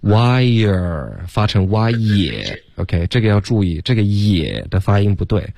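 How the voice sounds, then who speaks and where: A deep-voiced man coaching English pronunciation. He corrects students one by one and models each sound slowly. The sound is dry and close. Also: big pitch swings, creaky, a little mellow, no echo. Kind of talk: pronunciation coaching in a broadcast class.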